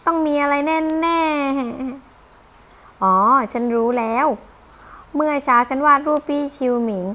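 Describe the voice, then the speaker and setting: Brief: higher-voiced woman reading a manga, sassy, expressive heroine voice. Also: slow. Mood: accusing. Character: young woman, sharp-tongued fake bride. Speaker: manga reader.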